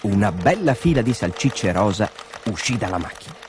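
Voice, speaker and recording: A man narrating a children's story in a lively, expressive reading. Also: fairly low pitch, normal speed, a little hiss or hum.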